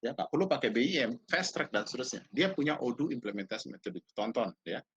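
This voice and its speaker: A man's voice: mid-range voice, lively intonation, fast talker, slightly rough, lo-fi sound. A man with a slight tinge giving a casual online university lecture, chatty and teasing, often quizzing his students.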